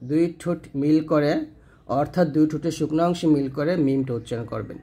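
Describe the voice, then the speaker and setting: A man with a slightly high-pitched voice gives a patient pronunciation lesson. He draws out each letter sound slowly to demonstrate it, then explains it step by step. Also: warm tone. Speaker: Quran reading teacher.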